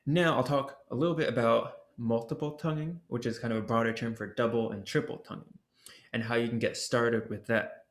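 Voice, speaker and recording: A man presenting an ocarina workshop, explaining technique in a relaxed way and sounding out the syllables as he goes. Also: medium pitch, brisk. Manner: casual, explains with demonstration syllables and fillers. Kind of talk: instructional explanation. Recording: roomy echo.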